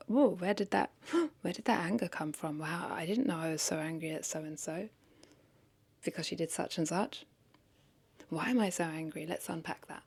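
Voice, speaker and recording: Her voice is fairly low and creaky, a little mellow, with a breathy edge. This vlogger chats off the cuff, wandering between thoughts and correcting herself as she goes.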